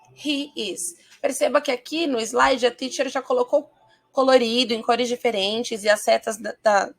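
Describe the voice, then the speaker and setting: An English teacher with a Brazilian Portuguese accent gives a patient video lesson, her slightly high voice carrying a noticeable gravelly fry. She checks in often with viewers and slows down to model each phrase.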